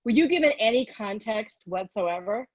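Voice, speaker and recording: A woman's voice: mid-range voice, expressive, normal speed, no room sound. A woman moderating a Q&A over a video call, asking questions with an upbeat, teasing manner. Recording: dry dull video call audio.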